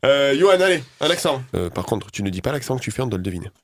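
A man's voice: mid-range voice, sing-song, racing. A man hosting a casual radio show, joking around and laughing often. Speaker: radio host.

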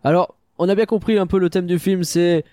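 A man's voice: high voice, fairly even intonation, a little fast, warm tone, no echo, studio quality. A man with a Parisian French accent hosts a casual film discussion, talking in a slangy, jokey, self-mocking way. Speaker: podcast host.

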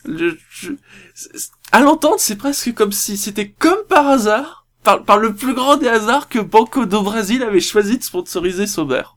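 High-voiced man, wry and ironic. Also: animated, moderate pace, a bit bright. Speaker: podcast co-host. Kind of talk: casual panel chat.

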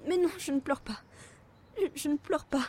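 A woman playing a high-voiced, tearful, sulking lover. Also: darkish tone, lightly acted. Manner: evasive, halting, reproachful. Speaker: voice actress. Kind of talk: amateur audio drama acting.

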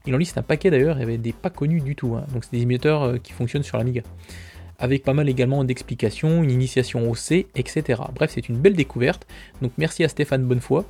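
A man's voice: medium pitch, gravelly, mellow. A man hosting a podcast, running through a casual news roundup with chatty, self-mocking asides and frequent fillers. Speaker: podcast host.

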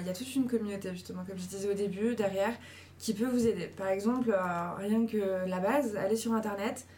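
A woman's voice: mid-range voice, a little mellow, slight background noise. A woman casually giving viewers encouraging advice, chatty and full of fillers. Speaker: host giving writing advice.

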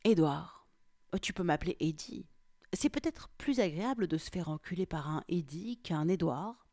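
A woman's voice: lowish voice, expressive, moderate pace, warm tone, no echo, studio quality. A woman voicing an adult male lover in whispered role-play, sly and half-whispered. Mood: sly, smug. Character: adult man lover, smug and confident.

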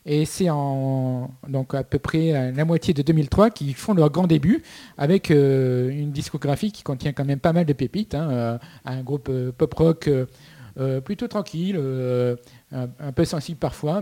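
A man co-hosting a chatty podcast, his voice sitting a little high yet mellow and soft-edged. He talks in a halting way, full of fillers and restarts, as he presents his part of the show. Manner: hesitant, with many fillers and restarts. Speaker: podcast co-host presenting a segment. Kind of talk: casual chat.

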